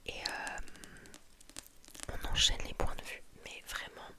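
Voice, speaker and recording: A woman speaking in a soft, breathy library whisper, close to the microphone, as in an ASMR book recommendation. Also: slow.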